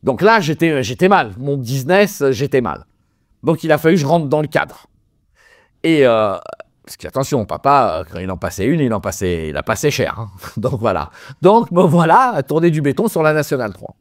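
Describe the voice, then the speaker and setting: A man's voice: medium pitch, sing-song, brisk, dry recording, clean studio sound. A man as an interview guest, telling his life story in a colloquial way, acting out dialogue and restarting words as he goes. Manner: colloquial, acts out dialogue in changed voices; frequent stammered restarts.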